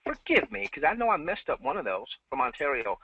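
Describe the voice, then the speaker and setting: A man's voice: on the high side, very animated, fairly quick, creaky, breathy edge. A man hosting a live team webinar, upbeat and repeating himself, with many fillers, on a headset. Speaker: webinar host. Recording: dry, tinny phone-like line.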